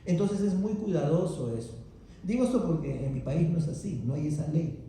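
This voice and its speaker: A male pastor preaching a sermon, retelling scripture as lively dialogue and acting out the speakers, with frequent asides to the congregation. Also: on the high side, brisk. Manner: conversational, asks the congregation "¿no?". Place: church sanctuary. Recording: very echoey church hall, faint background noise.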